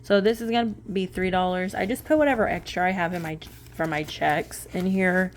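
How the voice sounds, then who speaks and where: A woman in her late twenties, a budgeting vlogger, chats casually as she sorts cash into budget envelopes, rambling and correcting herself with little laughs. Her voice is lowish and brisk, with slight background noise.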